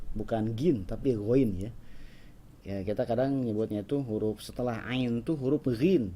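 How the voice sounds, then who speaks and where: A man teaches a class, explaining step by step with a lively, rising and falling delivery. His voice is mellow and warm. A faint hiss of background noise sits under the talk. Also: medium pitch. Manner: explanatory, lively intonation, frequent "ya" and "nah". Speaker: Arabic teacher. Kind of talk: classroom lesson.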